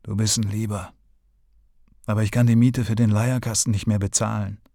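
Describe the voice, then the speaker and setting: A man reading a children's story, voicing a tired, sad old organ-grinder who speaks quietly and wearily. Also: fairly low pitch, flat delivery, normal speed, creaky, dry recording, clean studio sound. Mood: weary. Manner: weary, subdued.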